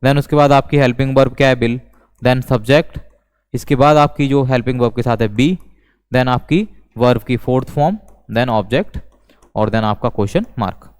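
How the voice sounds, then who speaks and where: A man teaching an English grammar lesson, speaking slowly and deliberately and repeating each example sentence. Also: medium pitch, darkish tone, clear, resonant tone. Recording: long reverb.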